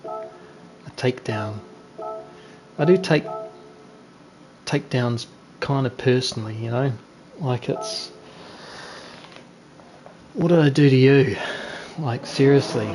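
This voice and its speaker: This is casual live-stream commentary from a New Zealand man racing online on a gaming headset and ribbing the other drivers. He talks slowly in a mid-range voice with long pauses. Music plays underneath, and the recording is rough.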